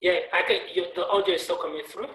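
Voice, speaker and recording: A man's voice: sits high, fairly even intonation, quick pace, a bit bright, reverberant, low-quality recording. A man interviewing a guest over a glitchy video call, repeating himself as he checks the connection. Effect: heard over a glitchy video call. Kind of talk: online interview.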